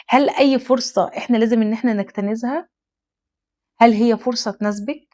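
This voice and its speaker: As host of an advice talk delivered straight to camera, a young Egyptian woman addresses the listener with earnest emphasis. Her Egyptian Arabic-accented voice is a little high with a darkish tone.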